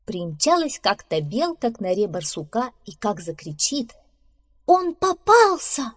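A woman reads a children's fairy tale aloud with expressive, animated delivery. Her voice has a medium pitch and moves a lot, rising and falling with the story. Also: moderate pace, husky.

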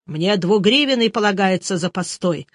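A stingy, grumbling innkeeper, voiced by a storybook reader mutters slowly under his breath. The sound is dry and close, with no room echo. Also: mid-range voice, animated, lightly acted. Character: greedy grumbling male peasant innkeeper. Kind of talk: audiobook reading.

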